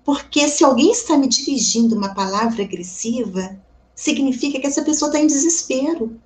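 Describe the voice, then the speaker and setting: A woman with a Brazilian accent giving a devotional Spiritist reflection, calm and reflective, often asking her listeners questions. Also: high-pitched, brisk, a little hiss or hum. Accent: Brazilian Portuguese. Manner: calm, reflective, asks the audience rhetorical questions; addresses listeners warmly as "gente". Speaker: Spiritist lecturer.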